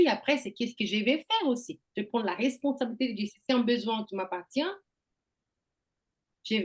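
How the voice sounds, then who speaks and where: A woman hosting a group talk, explaining ideas through personal examples and checking in with "okay?". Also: mid-range voice. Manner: explains with examples, asks "d'accord?". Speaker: workshop host. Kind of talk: conversational teaching.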